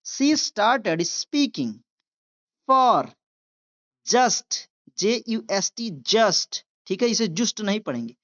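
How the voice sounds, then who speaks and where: Indian woman, reading teacher, very slow word-by-word delivery, spells and repeats each word, muffled lo-fi sound. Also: mid-range voice, big pitch swings. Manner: spells words letter by letter, repeats each word, explains in Hindi. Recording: dull lo-fi sound.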